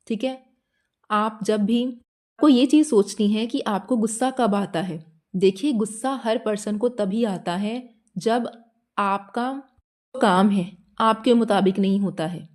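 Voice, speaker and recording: A woman's voice: medium pitch, mellow. A woman hosting a spiritual guidance channel, explaining in a teacherly way, asking the listener questions and checking in often. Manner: teacherly, poses questions and keeps checking with "theek hai?".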